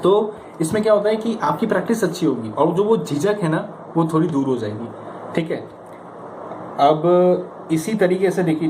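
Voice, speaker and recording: Recorded in an echoey room where background noise is clearly heard, a warm-toned, fairly high-pitched Indian man coaches on stammering practice. His informal motivational talk is conversational, emphatic and coaxing, filled with rhetorical questions and acted-out examples.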